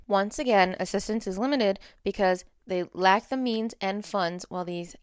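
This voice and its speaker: Reading from notes in a casual advocacy vlog, this U.S. content creator with a standard American accent speaks bluntly and emphatically, with candid asides and offhand profanity. Her voice is medium-pitched, clear, and resonant, recorded in clean studio sound with no echo.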